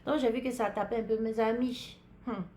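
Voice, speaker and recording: A woman with an African French accent and a fairly high voice tells a personal story on her podcast. She talks in a casual, chatty way and keeps turning to her listeners as if they were friends in the room. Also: brisk, slight background noise. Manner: chatty, talks straight to listeners, lively retelling. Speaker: podcast host.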